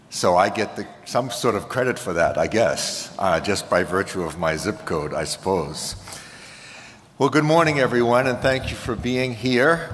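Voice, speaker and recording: A man's voice: lowish voice, a bit bright. Boston-accented man preaching in a reverberant hall. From Boston area, United States. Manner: wry, self-deprecating. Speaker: guest preacher. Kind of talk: sermon with conversational anecdotes. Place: large church hall, at a pulpit.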